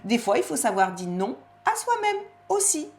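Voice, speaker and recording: A woman's voice: a little high, big pitch swings, normal speed. A woman giving a casual talk on self-love, with many fillers and restarts, addressing listeners directly. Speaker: personal development speaker.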